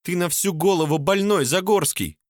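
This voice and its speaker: A man's voice: moderate pace, no echo, clean studio sound, natural voice. A man voicing a tearful, hysterical young woman who sobs and screams. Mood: screaming angrily. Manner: sobbing, shrill screaming.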